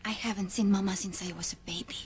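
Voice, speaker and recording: An actress playing a headstrong, eager young sister in a soap opera, speaking insistently. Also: female voice, mid-range voice, fairly even intonation, quick pace, slight background noise, natural voice. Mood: insistent, nervous. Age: young adult.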